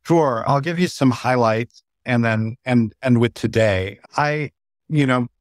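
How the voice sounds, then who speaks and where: A man's voice: mid-range voice, a little slow, dry recording. A man in his forties from San Diego, a guest on a video call, telling his family story directly and matter-of-factly from a room at home. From San Diego, USA. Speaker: guest, peace organization president. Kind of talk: virtual interview. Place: home room with plants and window. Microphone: webcam close up.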